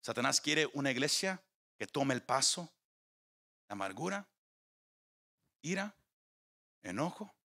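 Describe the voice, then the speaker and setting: A man's voice: mid-range voice, big pitch swings, unhurried, gravelly, long pauses, pushed and bright. A man preaching a sermon to his congregation, climbing in emphasis, often stumbling over repeated words and putting questions to the listeners. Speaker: pastor.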